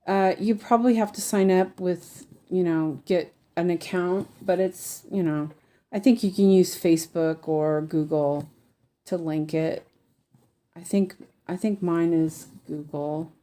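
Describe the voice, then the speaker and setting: A woman hosts a relaxed craft livestream in a low, soft-edged voice. She talks slowly, meandering as she thinks aloud. Her lisp gives the s sounds a slushy, sh-like edge. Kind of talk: casual livestream chat while stitching.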